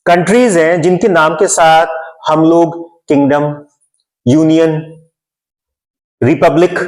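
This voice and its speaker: A man from India gives a grammar lesson at a deliberately slow pace, walking through each point step by step. His voice sits a little high for a man. He says each term in both Hindi and English. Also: a little mellow, rough recording. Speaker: English teacher.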